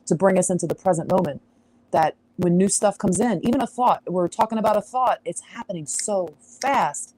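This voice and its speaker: A woman's voice: medium pitch, normal speed, darkish tone, no room sound, rough recording. A woman hosting an astrology livestream, chatting casually on a farm, rambling and sidetracking with frequent laughs. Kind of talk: casual live-stream chat. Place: outdoors on a farm.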